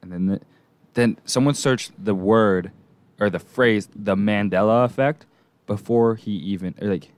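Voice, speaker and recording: A man's voice: fairly low pitch, measured pace, darkish tone, no echo. A young man hosting a casual podcast chat, rambling and unsure, with lots of fillers. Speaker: podcast host.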